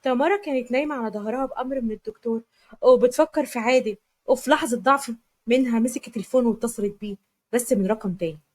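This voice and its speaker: A woman's voice: a little high, fast, darkish tone. A woman with an Egyptian accent narrating a serialized drama story. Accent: Egyptian Arabic.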